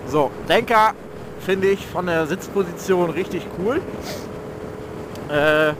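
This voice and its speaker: A man's voice: high voice, slow pace. A young man speaking from inside a motorcycle helmet, giving loose, slangy vlog commentary while riding and often searching for words. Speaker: motovlogger reviewing his motorcycle. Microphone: mic inside motorcycle helmet. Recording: helmet mic with engine and road noise. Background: motorcycle engine and outdoor traffic noise.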